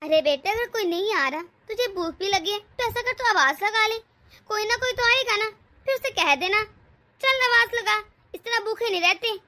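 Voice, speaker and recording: A woman's voice: very high voice, animated, normal speed, bright, forceful tone, exaggerated voice. A soothing, caring mother, voiced by a woman. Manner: soothing, reassuring. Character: caring mother of the young wife. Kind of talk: cartoon voice acting.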